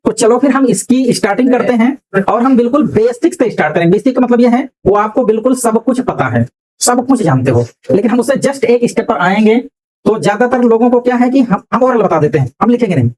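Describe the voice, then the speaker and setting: A man's voice: extremely high pitch, animated, fairly quick, a little mellow, slight background noise, rough recording. A man teaching English pronunciation in a classroom, often asking the class questions and repeating their answers. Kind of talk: classroom lecture.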